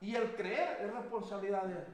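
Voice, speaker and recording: A Mexican pastor with a strikingly high voice preaches to his congregation. He swings between loud, pressing exhortation and hushed storytelling, his words ringing through an echoey church hall. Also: brisk. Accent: Mexican Spanish. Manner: emphatic, rising to loud exhortation then dropping to quiet storytelling. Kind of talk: sermon. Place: church sanctuary.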